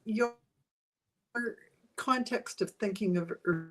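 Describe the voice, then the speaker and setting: A woman's voice: medium pitch, takes it slowly, fairly bright tone. An older woman speaking in a casual spiritual chat in an earnest, teaching tone, her audio choppy and cutting out over a remote call.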